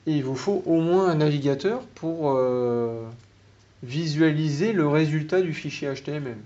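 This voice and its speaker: A man's voice: on the high side, normal speed, mellow. A man with a French accent giving a tech meetup talk to an audience, explaining things patiently and putting questions to the listeners. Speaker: meetup speaker. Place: meeting room. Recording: slightly dull room recording with faint noise.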